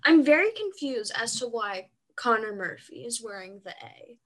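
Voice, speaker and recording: A young woman chatting casually about hockey with friends, animated and full of fillers. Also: fairly high pitch, normal speed.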